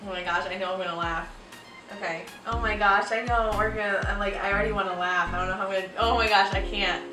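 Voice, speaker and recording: A young woman chatting casually as co-host of a couple's vlog, excitable and gushing. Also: medium pitch, quick pace, loud music behind the voice. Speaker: vlogger's wife and co-host. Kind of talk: casual chat. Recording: echoey room, mic at a distance.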